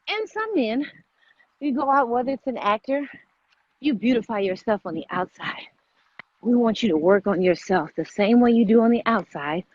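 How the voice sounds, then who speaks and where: Outdoors, a woman hosts a casual motivational fitness vlog, urging listeners on and repeating her points in an exhorting way. Her voice is fairly high, and the recording is muffled with no room sound.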